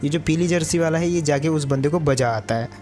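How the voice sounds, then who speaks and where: A man's voice: fairly high pitch, a little fast, a little mellow, faint music behind. A man giving chatty gameplay commentary to his viewers, calling them brother. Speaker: gaming YouTuber.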